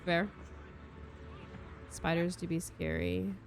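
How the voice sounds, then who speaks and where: A woman's voice: on the low side, level tone, takes it slowly, gravelly. A young woman, chatting casually and giggling with viewers on a live stream.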